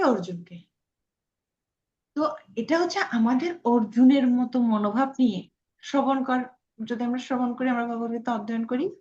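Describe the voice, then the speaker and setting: A Bengali woman leads a devotional class in a high voice. She asks rhetorical questions and keeps checking that her listeners follow. The sound is lo-fi and echoes around the room. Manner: explains with rhetorical questions, keeps asking "all right?". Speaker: course teacher.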